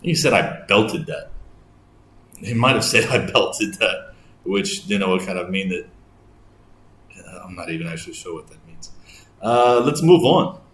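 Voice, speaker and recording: A man with an English accent chats through an explainer video, thinking aloud as he goes. His voice sits very low, and the recording is roomy with a faint hum of ambience underneath. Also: animated, a little slow, pauses often, fairly bright tone. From England. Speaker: host, English teacher.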